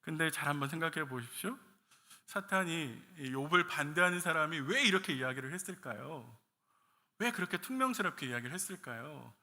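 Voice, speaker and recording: A man's voice: a little high, lively intonation, a little fast, sharp tone. A male pastor from the Gyeongsang region preaching a sermon, putting rhetorical questions to his congregation. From Gyeongsang region, Korea. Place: church sanctuary. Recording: echoey church hall.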